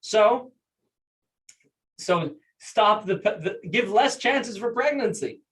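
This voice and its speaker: A man's voice: sits high, animated, slow pace, fairly bright tone, pitched above the performer's own voice, full character voice. A man voicing an ancient rabbi diplomat, reasoning earnestly and emphatically with a ruler, picked up from a distance. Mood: persuasive.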